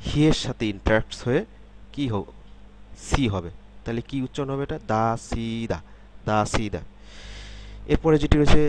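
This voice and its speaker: A man's voice: medium pitch, a little mellow. A man giving a step-by-step pronunciation lesson, repeating each example sound several times and asking checking questions. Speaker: language teacher.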